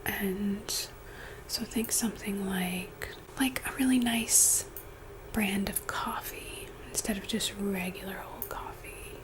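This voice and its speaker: A woman in a whispered role-play, speaking gently and intimately right in the listener's ear, guiding in an unhurried, soothing ASMR style. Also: medium pitch, poor audio. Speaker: ASMR host playing a friend giving reiki.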